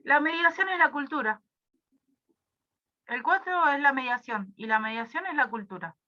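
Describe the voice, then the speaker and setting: Young Argentine woman, bright high voice, dull lo-fi computer audio, casual online tutor. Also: lively intonation, normal speed. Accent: Rioplatense Spanish. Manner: casual, rambling, with many fillers. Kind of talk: online review class.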